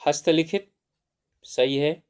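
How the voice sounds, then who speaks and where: Speaking slowly in a smooth, fairly high voice, this man leads a grammar lesson for exam preparation. He keeps asking questions only to answer them himself, dropping "theek hai" again and again.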